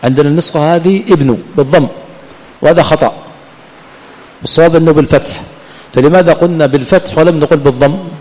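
A man's voice: on the high side, quick pace, pauses often, darkish tone. Man teaching a class in a reverberant hall. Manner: quizzes students, asks and answers his own questions. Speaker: teacher of hadith and grammar. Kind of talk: classroom lesson with questions to students. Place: lecture hall of an Islamic study center. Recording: long hall reverb, faint room ambience.

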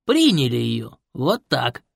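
A creaky, gruff old village man, as the male reader of an audiobook puts him on, blunt and folksy as he spins his tale. His voice rises and falls with lively swings, and the recording is close and dry. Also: medium pitch, slow pace, no echo, exaggerated voice. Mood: storytelling. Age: older. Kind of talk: audiobook character voice.

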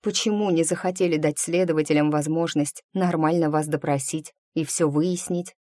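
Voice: mid-range voice, fairly even intonation, normal speed, a little mellow, no echo, studio quality, natural voice. A reader voicing a young, curious and anxious female apprentice in an audiobook, who asks eager, pressing questions. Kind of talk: audiobook character reading.

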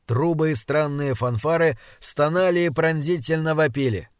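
Male narrator, dramatic steady read, slightly high voice, dry studio. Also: moderate pace, clear, resonant tone, no echo. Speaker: audiobook narrator. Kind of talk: scripted narration.

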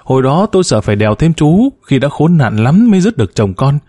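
A man's voice: fairly high pitch, big pitch swings, quick pace, dark tone, no echo, clean studio sound. A man voicing a desperate middle-aged woman who pleads tearfully in a spoken story. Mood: pleading.

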